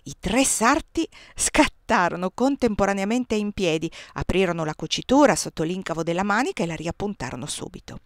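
A woman narrating a novel aloud at a steady, measured pace. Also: medium pitch, no room sound, clean studio sound. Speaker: audiobook reader. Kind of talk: audiobook narration.

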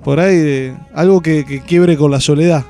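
High-voiced Argentine male radio host. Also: moderate pace, dark tone, faint music behind. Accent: Argentine Spanish. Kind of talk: casual, joking radio chat. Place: radio studio, at a microphone.

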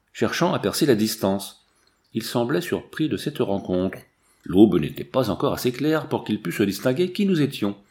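A man with a fairly low voice reads a classic adventure novel aloud. His narration is steady and measured, and he shifts his voice slightly for the quoted characters. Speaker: audiobook reader.

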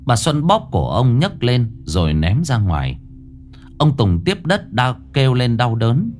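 A man narrating a ghost story in a dramatic, expressive way. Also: mid-range voice, unhurried, faint music behind.

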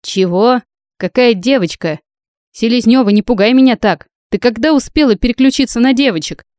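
A woman's voice: fairly high pitch, moderate pace, darkish tone, dry recording, pitched above the performer's own voice, natural voice. Woman voicing a brash young female friend, teasing, breezy, raised voice, dry close sound.

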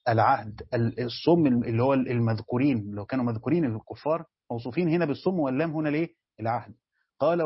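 A man's voice: mid-range voice, breathy edge, no echo, dull audio. A man with an Egyptian accent teaching a religious lesson, explaining word by word and asking his listeners questions. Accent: Egyptian Arabic. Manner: explanatory, asks students questions. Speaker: sheikh teaching Quran commentary.

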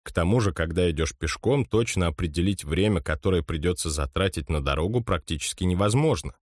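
Low-voiced male audiobook narrator. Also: animated, a little fast, darkish tone, no echo, clean studio sound. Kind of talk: scripted first-person narration.

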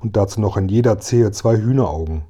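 A cheeky storybook boy, teasing and quick with a joke, as a man reads him aloud. The tone is warm and slightly husky, close to the reader's own. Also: on the low side. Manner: teasing and mocking. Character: cheeky puppet boy hero, quick-witted.

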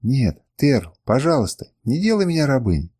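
A man's voice: medium pitch, very animated, moderate pace, a little mellow, slightly rough. A defiant young woman held captive, as a male reader puts her on, pleading and tearful in an audiobook. Her voice swings widely between begging and protest.

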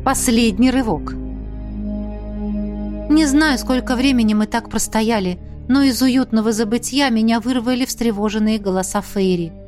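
A woman narrating a first-person fantasy audiobook in a steady, even reading voice. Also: on the high side, normal speed, faint music behind.

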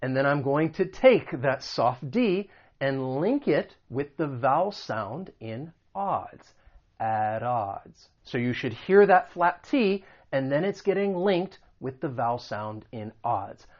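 An American man teaching English pronunciation, patiently repeating example phrases slowly. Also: mid-range voice, very animated, muffled recording. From United States. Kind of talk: explaining and demonstrating pronunciation.

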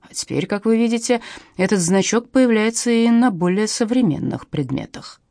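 A woman's voice: mid-range voice, lively intonation, moderate pace, dark tone, dry recording, studio quality, pitched above the performer's own voice, lightly acted. Woman reading as a pompous old professor. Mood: lecturing. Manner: solemn, lecturing. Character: elderly male professor, pedantic lecturer.

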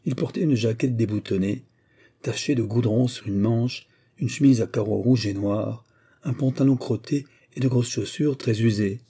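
A man narrating an audiobook in the first person, reading in a steady, measured way. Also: mid-range voice, husky.

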